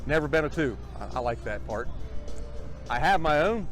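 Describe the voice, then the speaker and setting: Higher-voiced man chatting, music behind him. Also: animated, moderate pace, fairly bright tone. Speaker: airshow announcer. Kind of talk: casual interview answers.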